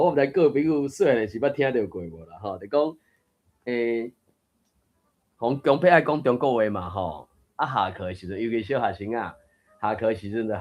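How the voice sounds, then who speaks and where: A man's voice: medium pitch, a little mellow, muffled recording. Chatty Taiwanese man explaining a reading. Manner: chatty, digressive, thinks aloud. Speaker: reading group host. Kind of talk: casual explanatory talk on a book reading. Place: online reading room.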